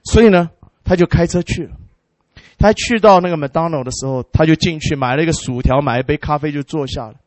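A male preacher with a notably high voice tells a story to his congregation, breaking out into hallelujah and amen. He talks fast and animatedly, mixing in English words, in a sermon-style story. The recording is dry and close with no room sound.

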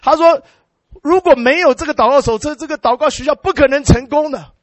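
A man preaching and telling a story in a sermon. He is animated, drops English words into his speech and exclaims hallelujah and amen. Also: very high-pitched, fairly quick, no room sound.

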